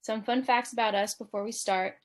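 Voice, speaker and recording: A woman's voice: a little high, fairly even intonation, fairly quick. A woman in her twenties from Long Island, a nursing student giving a short, friendly self-introduction. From Long Island, New York, US. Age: 20s.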